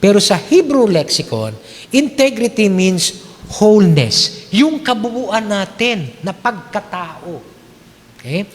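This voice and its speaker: A man's voice: high voice, sing-song, slow, big-room sound. A man preaching a sermon as pastor, talking conversationally and checking in with his congregation, switching between Tagalog and English. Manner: conversational, checks in with "okay?" often. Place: church.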